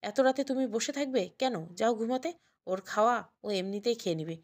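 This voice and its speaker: A woman's voice: on the high side, a little fast, lightly acted. A woman voicing a hot-tempered young husband in an audio story, snapping and raising her voice. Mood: irritable. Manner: snapping, raised voice. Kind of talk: Bengali audio story dialogue.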